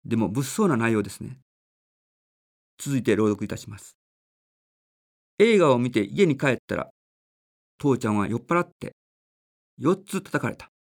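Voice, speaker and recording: A man gives a spiritual talk in a calm, measured and polite manner. He reads a story aloud and then explains its lesson. His voice sits in an ordinary middle register. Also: medium pitch. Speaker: religious speaker. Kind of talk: sermon with a read-aloud story.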